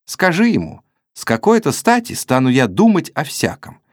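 A male narrator voicing a lazy, indifferent young woman who answers flatly and sleepily in an audiobook. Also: low-pitched, normal speed, no room sound, studio quality, pitched above the performer's own voice, exaggerated voice. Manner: flat, dismissive, yawning.

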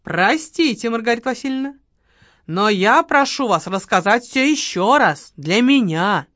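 Woman playing a shrewd calm male investigator, firm, patient questions, audiobook reading. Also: a little high, a little slow, no room sound, studio quality. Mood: calm questioning.

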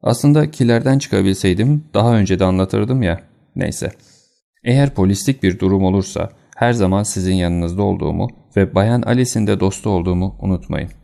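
A man's voice: sits low, a little fast, gravelly, dark tone. A man reading an audiobook, voicing a loyal, plainspoken middle-aged housekeeper with a confiding manner.

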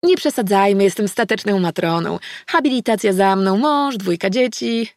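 A woman voicing a cheerful, slightly tipsy female friend in an audiobook, with a lively, bubbly manner. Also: mid-range voice, moderate pace, dry recording, studio quality, lightly acted. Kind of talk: audiobook character voice.

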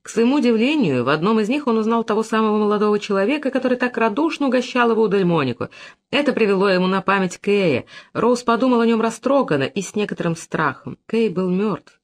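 Man, audiobook narration, expressive, dramatic, animated intonation. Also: high voice, fast talker.

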